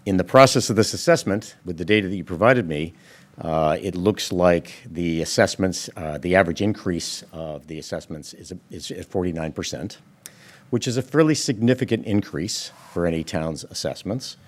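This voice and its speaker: A man giving public comment at a town board meeting, speaking in a measured, methodical way with frequent "uh" fillers. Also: low-pitched.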